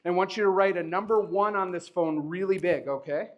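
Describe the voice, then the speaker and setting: His voice is high and a little fast, captured in lo-fi sound. At a live show in front of an audience, this magician keeps up chuckling banter with a volunteer, joking around and urging them on.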